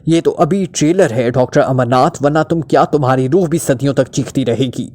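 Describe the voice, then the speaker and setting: A man's voice: medium pitch, a little fast, a little mellow, natural voice. A man voicing King, a cold and ruthless male killer who speaks in an icy, menacing tone. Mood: icy menace.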